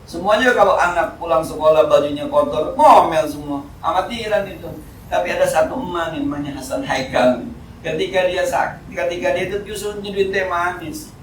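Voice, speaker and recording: A man with a Jakarta Betawi accent giving an informal, joking sermon at a mosque study session, swinging between loud and soft. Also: sits high, a little fast, slight background noise. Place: mosque hall. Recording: echoey hall, speaker far from mic.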